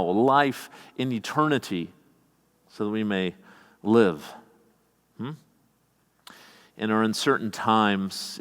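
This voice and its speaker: A man with a Midwestern American accent preaching a sermon as pastor, reading scripture aloud and adding folksy asides. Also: medium pitch. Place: church sanctuary. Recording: long church reverb.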